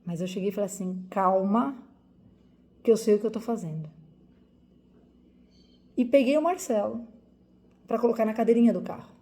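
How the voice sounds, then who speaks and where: A woman's voice: mid-range voice, normal speed, pauses often, warm tone. A woman from Brazil in her forties, a doctor, telling viewers a personal story in an emotional, vivid way with lots of repetition.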